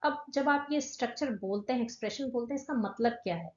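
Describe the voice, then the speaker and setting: A woman teaching English in a patient, explanatory way, saying each English phrase slowly and clearly. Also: fairly high pitch, a little mellow. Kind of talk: explanatory language lesson. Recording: roomy, slightly dull recording.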